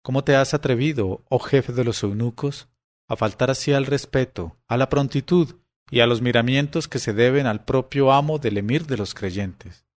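A man reading as the grand vizier of a caliph's court in an old tale, stern and in command. He speaks lower and softer than his own voice, slow and weighty. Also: natural voice. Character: grave grand vizier, older authoritative man. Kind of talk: audiobook character reading.

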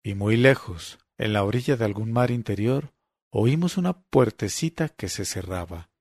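A man reading a literary story aloud in a measured, deliberate way. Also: on the low side, lively intonation, darkish tone, no echo, studio quality. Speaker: narrator. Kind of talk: literary audiobook narration.

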